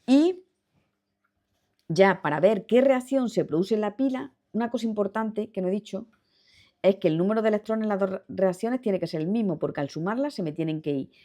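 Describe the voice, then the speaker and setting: A woman's voice: mid-range voice, brisk, warm tone. A woman teaching chemistry in a video lesson with a Spanish accent, explaining step by step, repeating key points and checking in with her students. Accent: Spanish from Spain. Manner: patient, repetitive, checks in with students.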